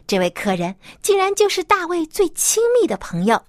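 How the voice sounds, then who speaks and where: A woman's voice: very high-pitched, sing-song, normal speed, dry recording, studio quality. A woman hosting a children's story programme, narrating expressively as if reading to a small child, with simple explanations and coaxing questions.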